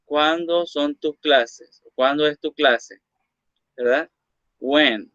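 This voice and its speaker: A man teaching an English lesson, saying English phrases slowly, then translating and explaining them, and checking in with "ok?". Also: fairly high pitch, fairly bright tone, no echo. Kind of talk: recorded classroom lesson. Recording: dull lo-fi dry recording.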